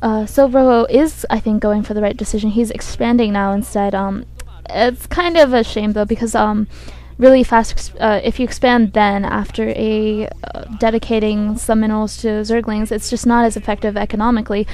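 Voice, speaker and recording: A woman with a croaky voice from a cold gives hesitant esports commentary, thinking aloud as she goes. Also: medium pitch, fairly even intonation, moderate pace, hardly any pauses, a little mellow. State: has a cold. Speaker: game commentator. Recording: buzzy microphone.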